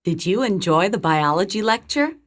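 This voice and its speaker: A woman's voice: medium pitch, expressive, normal speed, close to an everyday voice. A woman voicing a student in a test dialogue. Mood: asking. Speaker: voice in a recorded listening test dialogue. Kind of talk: scripted test audio.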